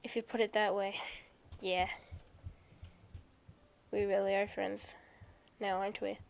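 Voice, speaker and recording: A woman voicing a shy, soft-spoken, bookish teenage girl who talks in a hesitant, self-doubting, gentle way. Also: mid-range voice, level tone, takes it slowly, creaky. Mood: tender.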